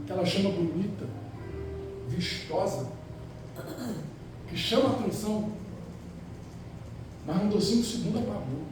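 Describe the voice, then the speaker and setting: A man with a Rio de Janeiro accent preaches an animated Pentecostal sermon, acting out quotes and firing rhetorical questions. His voice sits high, and it booms through a very echoey church hall from a distance. Music plays behind him. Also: unhurried, long pauses. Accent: Rio de Janeiro Portuguese. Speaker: evangelist preacher.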